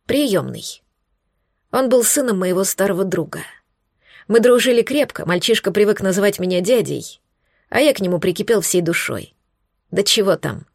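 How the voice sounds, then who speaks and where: A woman voicing a weak, hoarse wounded young man who speaks slowly and with strain. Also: mid-range voice, darkish tone, no room sound, studio quality. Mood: soft.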